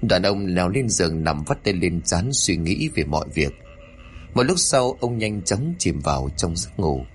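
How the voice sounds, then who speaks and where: A man's voice: deep voice, animated, a little slow, a little hiss or hum. A man narrating a horror story, reading in a dramatic, suspenseful way.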